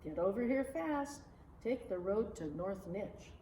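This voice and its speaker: Woman playing a brash, greedy salesman, lively pitch. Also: measured pace. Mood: eager, bossy. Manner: boastful, breezy, persuasive. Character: brash greedy businessman, smug and dismissive, salesman-like. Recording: roomy, distant mic, faint noise.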